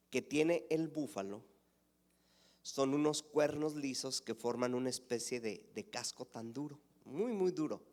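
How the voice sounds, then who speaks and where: A male pastor preaching a sermon, asking the congregation questions and swinging between emphatic raised lines and hushed near-whispers. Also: on the high side.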